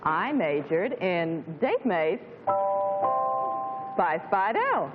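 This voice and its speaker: A woman's voice: on the low side, wildly swooping pitch, drawn-out words, dull audio, soft background music. A woman presenting a scripted live commercial on 1950s television. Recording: thin, hissy 1950s television broadcast.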